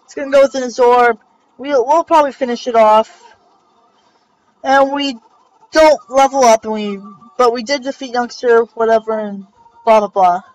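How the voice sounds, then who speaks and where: A woman's voice: on the high side, moderate pace, darkish tone. A young woman casually commenting on her gameplay, rambling, joking and correcting herself. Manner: rambling, self-correcting, jokey. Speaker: let's play host. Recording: dull lo-fi recording with faint music.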